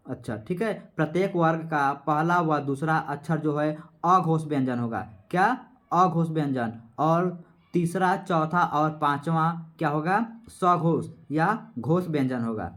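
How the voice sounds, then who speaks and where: Male tutor, slightly high voice, exam-prep lesson, repeats and quizzes himself. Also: fairly bright tone. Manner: repetitive, quizzing, asks and answers himself; sounds out letters slowly. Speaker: teacher.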